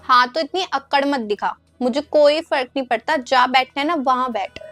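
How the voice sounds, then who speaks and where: Woman, high voice, scolding, sharp-tongued, comedy sketch acting. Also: moderate pace, dry recording, soft background music. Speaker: sketch performer playing a teacher.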